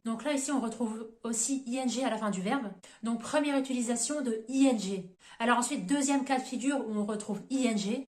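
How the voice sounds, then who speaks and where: A woman teaches a grammar lesson in a methodical, step-by-step way, spelling out letters and slowing down for each example sentence. Her voice sits a little high. The room adds a clear echo around her words. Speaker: English teacher on her own channel.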